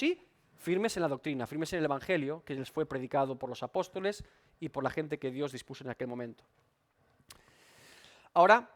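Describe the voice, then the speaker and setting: Pastor guy teaching a bible study, high animated voice, keeps rephrasing and asking questions. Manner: emphatic, repeats and rephrases points, asks rhetorical questions. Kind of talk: expository Bible study sermon.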